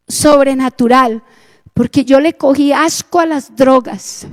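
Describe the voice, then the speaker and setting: Slow high-voiced Colombian woman preaching. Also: a little mellow. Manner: earnest storytelling, acts out dialogue. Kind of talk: sermon testimony.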